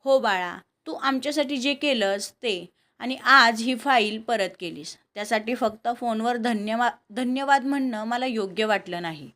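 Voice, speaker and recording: Woman doing elderly grandmother, gentle, calm, soft-spoken, family audio story. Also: on the high side, unhurried. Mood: calm, kind.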